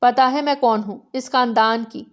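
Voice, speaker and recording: Woman reading an imperious old grandmother, sharp and scolding, storybook reading, somewhat high voice. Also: fairly even intonation, close to an everyday voice. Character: harsh, domineering old grandmother on a crutch.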